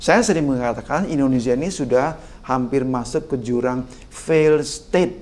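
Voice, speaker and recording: A man's voice: medium pitch, brisk. An older man, a guest expert on political communication in a podcast interview, talking emphatically and often addressing the host respectfully. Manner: emphatic, animated, sprinkles "Pak" often.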